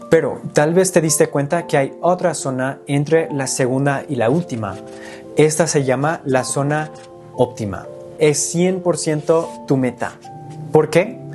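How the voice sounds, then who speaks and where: A young man whose first language is English, hosting a scripted lesson and explaining clearly step by step. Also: a little high, darkish tone. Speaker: language teacher and video host.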